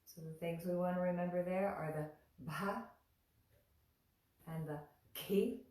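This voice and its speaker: A woman teaching mantra chanting in a gentle spoken lesson, leading call-and-response lines that she draws out in song. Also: on the low side, level tone. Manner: soft, unhurried teaching, lifting into drawn-out sung chant lines. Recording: roomy echo, voice heard from a distance.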